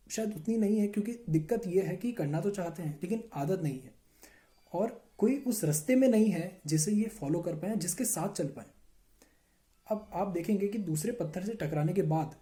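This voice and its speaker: A man's voice: fairly high pitch, warm tone. A young man from India giving an earnest, conversational motivational talk to camera, speaking directly to his viewers. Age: young adult. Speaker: YouTuber, coding student.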